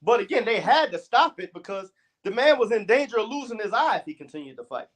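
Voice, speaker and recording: A man's voice: high-pitched, sing-song, quick pace, a bit bright. A man co-hosting a casual boxing podcast, arguing his points firmly and emphatically. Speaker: podcast co-host.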